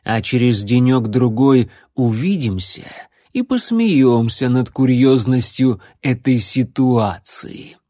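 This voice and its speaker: A man voicing a smug, sarcastic immortal male necromancer in an audiobook, speaking slowly and mockingly. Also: mid-range voice, animated, dark tone, no echo, clean studio sound. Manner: slow, measured, mocking. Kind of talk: audiobook character voice.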